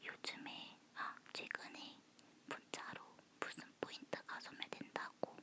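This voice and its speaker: Slow, leaning-in whisper from a woman. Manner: soft close whisper, as if leaning in. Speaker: ASMR host. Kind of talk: whispered ASMR personal chat.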